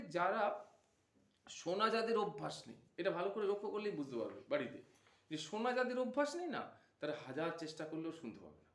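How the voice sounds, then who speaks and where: A man's voice: high voice, roomy sound. A man giving a devotional discourse, asking his listeners questions and answering them himself. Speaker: Bhagavata reciter.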